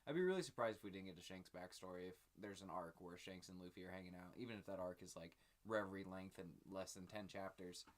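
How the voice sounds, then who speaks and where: A man's voice: sits low, quick pace, hardly any pauses. A man hosting his own channel, talking through his theories in a rambling, filler-heavy, casual sit-down chat. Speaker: channel host.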